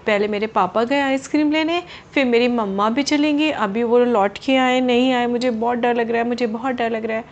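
A woman's voice: fairly high pitch, moderate pace, few pauses, lo-fi sound, close to an everyday voice. A woman voicing a small, sweet little boy who speaks in a pleading, childlike way. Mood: scared.

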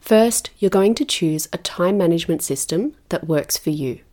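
A woman's voice: fairly low pitch, lively intonation, moderate pace, warm tone, soft background music. A woman podcast host giving upbeat, tidy how-to advice in an encouraging, instructional way, speaking directly to the listener. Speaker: podcast host and writing coach.

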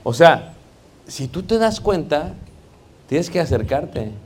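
A slightly rough, a little high, sing-song voice carries this sermon from a man with a Mexican Spanish accent who takes his time. He speaks conversationally and jokes, repeatedly calling the congregation his brothers.

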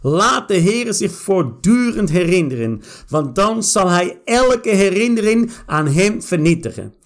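A man with a high-pitched voice leads a fervent prayer as a pastor. He repeats his declarations insistently, verse by verse. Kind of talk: fervent spoken prayer with scripture reading.

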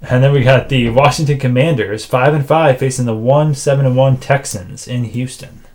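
A man co-hosting a casual sports podcast, making game picks in a dry, self-described monotone with frequent filler words. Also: medium pitch, normal speed. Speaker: podcast co-host.

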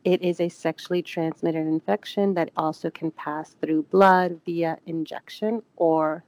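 Woman, lowish voice, dry close sound, earnest, casual advice. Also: steady tone, unhurried, a little mellow, no echo, rough recording. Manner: earnest, with frequent fillers. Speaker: guest speaking on sexual health.

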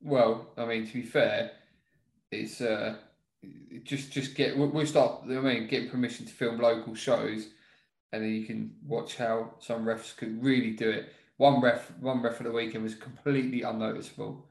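A man's voice: mid-range voice, little pitch movement, moderate pace, gravelly. A British man co-hosting a podcast in casual chat, rambling and sweary, recorded in an echoey room. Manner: sweary, rambling, often checking he is understood. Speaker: wrestling podcast co-host.

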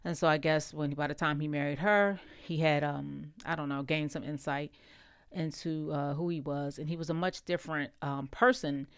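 A woman's voice: sits low, fairly even intonation, moderate pace, clean tone, no echo, clean studio sound. Reflective woman telling family stories. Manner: warm, reflective, repeats phrases, laughs while telling. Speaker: storyteller sharing family memories. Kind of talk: casual personal storytelling.

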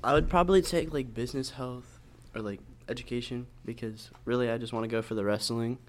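A man's voice: medium pitch, fairly quick, a little hiss or hum. A teenage boy answering hesitantly with lots of fillers, mumbling in a casual chat. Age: teens. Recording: distant from the mic.

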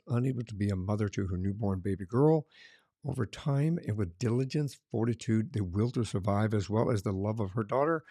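Low mellow guy hosting a chatty interview, rambly, dry close sound. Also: no echo. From Colorado. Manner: rambling, many restarts and chuckles. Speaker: podcast host, former police officer. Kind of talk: casual interview chat. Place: Arizona.

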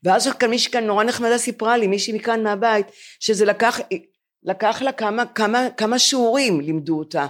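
A woman in her seventies, a podcast co-host, chatting in a self-mocking, storytelling way before a live audience. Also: fairly high pitch. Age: 70s.

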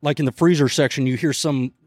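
A man's voice: fairly high pitch, steady tone, fast talker, darkish tone, dry recording. Wry man, dry close voice. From Texas. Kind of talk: casual chat.

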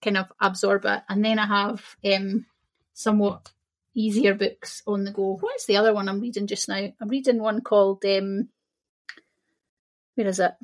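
A Scottish woman chats as a podcast guest, with a middling pitch. She talks easily and laughs often, with animated bursts. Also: normal speed. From Scotland. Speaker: guest, shamanism teacher. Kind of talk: casual interview chat.

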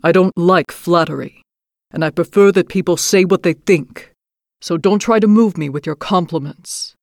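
A woman's voice: fairly low pitch, moderate pace, a little mellow, dry recording, studio quality, natural voice. A woman voicing a stern, proud male beast in a storybook reading. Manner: stern, commanding.

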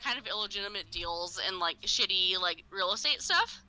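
A woman's voice: mid-range voice, lively intonation, bright, forceful tone, low-quality recording. A young woman hosting a casual chat, retelling a wild story in a rush of fillers and swearing. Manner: rapid, filler-heavy retelling with frequent swearing. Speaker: podcast host telling a story.

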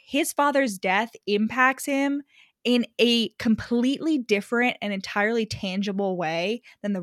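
A young woman talks through a book on her podcast, animated and laughing often. Her voice sits fairly high. The sound is close and dry, with no room echo. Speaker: podcast co-host. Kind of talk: casual book chat.

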